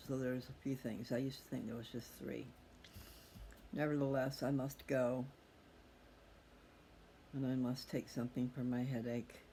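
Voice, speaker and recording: A middle-aged man who hosts a personal video channel speaks candidly and casually to his listeners, rambling and reflecting on personal matters. His mid-range, dark voice stays level and unhurried with frequent pauses, over clearly audible background noise.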